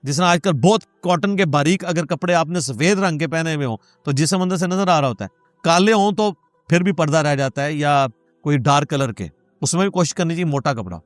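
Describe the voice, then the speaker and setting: A male religious scholar answers questions in a lecture, walking through hadith and rulings step by step. His voice sits a little high for a man. The sound is close and dry, with no room around it. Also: no room sound, faint music behind. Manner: explanatory, cites hadith, code-switches English words.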